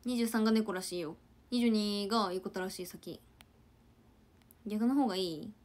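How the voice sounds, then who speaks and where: Woman w chatting on a stream, answers comments, chatty, drops to soft little asides. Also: mid-range voice, normal speed. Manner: chatty, talks back to viewer comments, soft murmured asides. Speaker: idol trainee livestreamer. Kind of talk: casual livestream chat to viewers.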